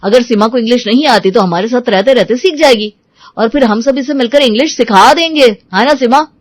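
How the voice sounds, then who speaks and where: A woman voicing an easygoing young husband in a cartoon, who talks in a soothing, relaxed way. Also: fairly high pitch, brisk, no room sound, studio quality, natural voice.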